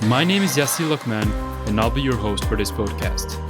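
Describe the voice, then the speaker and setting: A man's voice: mid-range voice, animated, moderate pace, over loud music. A man hosting a podcast, reading a polished scripted introduction and then asking his guest questions. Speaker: podcast host.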